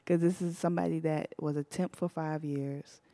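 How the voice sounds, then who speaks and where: A young woman hosting a podcast, telling a personal story to a live audience, animated and laughing often. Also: low voice, moderate pace. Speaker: podcast host.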